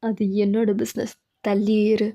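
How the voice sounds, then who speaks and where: Woman doing a stern young husband, lowers her voice, short cool lines, fan dub feel. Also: monotone, unhurried, creaky, mellow. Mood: curt. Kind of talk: Tamil fan dub of a drama.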